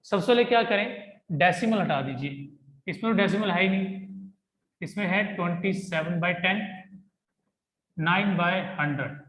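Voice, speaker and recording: Young male math tutor, high voice, chatty classroom delivery, roomy echo. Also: moderate pace, fairly bright tone. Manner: chatty, repeats "ठीक है जी" and "भाई". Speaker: math teacher. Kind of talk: classroom-style math lesson. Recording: echoey room.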